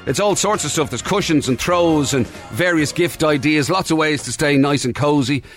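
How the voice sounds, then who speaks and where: A man's voice: fairly high pitch, normal speed, fairly bright tone, soft background music. A man with an Irish accent co-hosting a breakfast radio show in a chatty, informal style. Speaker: radio co-host. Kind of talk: casual breakfast radio presenting.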